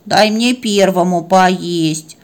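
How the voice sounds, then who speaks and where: A woman voicing a big, jealous, stubborn male dog in a slow, sulky way. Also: lowish voice.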